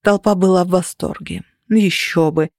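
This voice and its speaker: A woman reading a first-person fantasy novel aloud with steady, lively storytelling. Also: lowish voice, normal speed, dry recording, studio quality. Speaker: audiobook narrator. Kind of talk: scripted first-person narration.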